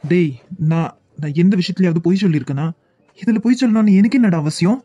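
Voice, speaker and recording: A man's voice: high-pitched, lively intonation, fast, mellow, lo-fi sound. Arjun, a desperate lovesick young man. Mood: desperate pleading. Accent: Kanyakumari Tamil. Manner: pleading, insistent, stammering. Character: distraught young man clinging to a lost love. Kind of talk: cartoon web series dubbing.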